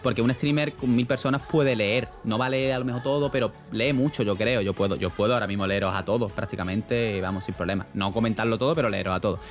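A man's voice: fairly low pitch, fairly even intonation, fast, hardly any pauses, soft background music. Rambling young streamer man. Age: young adult. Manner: rambling, slangy, laughs often. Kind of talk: casual chat reading live chat.

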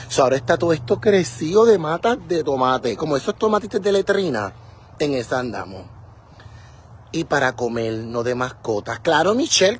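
A man's voice: mid-range voice, a little hiss or hum. A man, vlogging casually and dramatically from an outdoor yard on his phone. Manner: dramatic, exclaiming, playful. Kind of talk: casual garden vlog. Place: outdoor yard with fruit trees.

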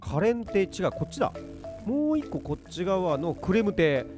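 A man giving let's play commentary on a survival game, muttering to himself and then breaking into excited outbursts. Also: high voice, moderate pace, over music. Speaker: game streamer.

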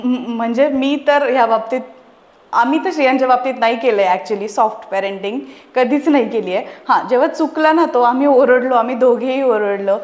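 A woman's voice: fairly high pitch, brisk, muffled recording. A woman, a guest parent talking earnestly and with animation in a casual conversation. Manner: earnest, animated, explaining with examples. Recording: echoey room.

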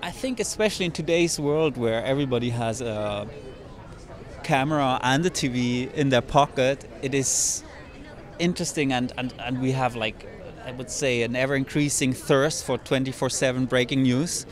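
Earnest, measured man with medium pitch. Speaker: film maker interviewed at premiere. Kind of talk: red carpet interview.

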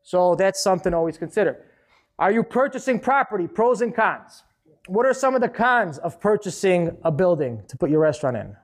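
A man with a notably high voice speaks at a business seminar, direct and emphatic. He is a middle-aged restaurant owner sharing hard lessons in a casual, conversational way. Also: sing-song, brisk. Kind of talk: live seminar talk. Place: conference hall.

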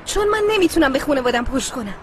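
A woman's voice: high voice, very animated, slight background noise. An actress dubbing an anxious young woman torn between her lover and her family. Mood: anxious pleading. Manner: pleading, anxious. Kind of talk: Persian dub of a TV drama.

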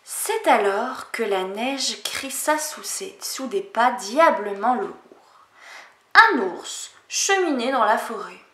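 Une enseignante lit un conte aux enfants avec une diction lente et expressive. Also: female voice, on the high side, echoey room. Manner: slow, expressive, melodic. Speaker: teacher reading aloud. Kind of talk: storybook reading for children.

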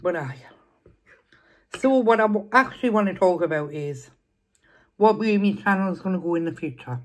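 A woman's voice: lowish voice, lively intonation, moderate pace. Chatty woman. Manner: chatty, rambling, repeats herself. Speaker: food vlogger. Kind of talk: casual mukbang chat.

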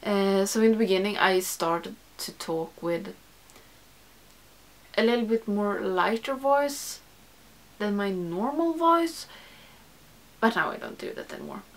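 Talking straight into her camera from a small room lined with makeup shelves, a young beauty YouTuber answers a tag casually in English, her second language. Her mid-range voice is expressive and measured, with long pauses. She rambles, often stops mid-sentence to start over and says "like" frequently.

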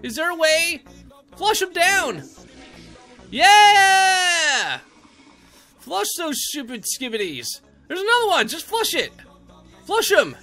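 A man voicing a brash young male cartoon hedgehog in a character reaction video, excitable and jumpy, cheering and yelping at the screen. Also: very high voice, measured pace, faint music behind, heavily acted.

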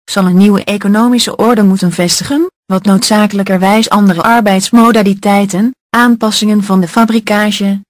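A woman reading a political essay aloud in a steady, measured, list-like delivery. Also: mid-range voice, no room sound, clean studio sound.

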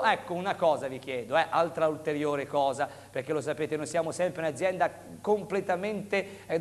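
A man's voice: fairly high pitch, big-room sound. A man in his thirties presenting a live TV shopping infomercial as host, urgently appealing to viewers. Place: television studio. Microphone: lapel microphone.

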